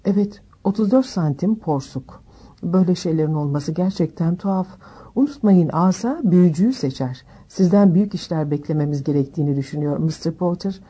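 A woman voicing an eccentric old male wandmaker who talks briskly and insistently, sinking to murmurs. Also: fairly low pitch, lively intonation, mellow, breathy edge. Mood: solemn.

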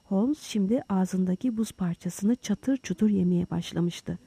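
A woman narrating an audiobook with expressive storytelling. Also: mid-range voice, measured pace, vocal fry, slightly rough, dry recording. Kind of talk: scripted narration.

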